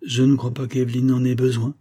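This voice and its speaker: A man's voice: medium pitch, level tone, brisk, mellow, breathy edge, voice pushed up, lightly acted. A man reading an audiobook, voicing a reserved, constrained young man. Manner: constrained, curt.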